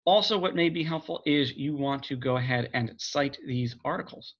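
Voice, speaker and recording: A man's voice: medium pitch, moderate pace, a bit bright. Guy librarian talking you thru a screen recording, easy chatty tone, mid voice, kinda muffled lo-fi mic. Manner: casual, plain step-by-step explaining. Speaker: college librarian. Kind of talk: screen-recorded database tutorial.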